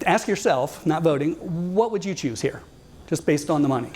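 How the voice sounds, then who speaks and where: A man's voice: fairly high pitch, animated, moderate pace, darkish tone, slight background noise. A man in his fifties giving a wry, conversational storytelling talk to a live audience and putting questions to the crowd. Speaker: guest speaker.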